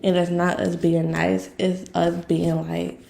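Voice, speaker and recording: A young Southern American woman tells a casual storytime vlog from her workplace, chatting, venting and rambling with plenty of fillers. Her voice is on the low side, level, slow and creaky, with a dark tone.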